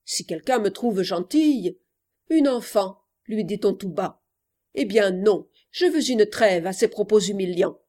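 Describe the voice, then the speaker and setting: A woman's voice: mid-range voice, animated, a little slow, mellow. A woman voicing an impulsive seventeen-year-old girl who longs to elope, declaiming a theatrical verse monologue. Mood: eager.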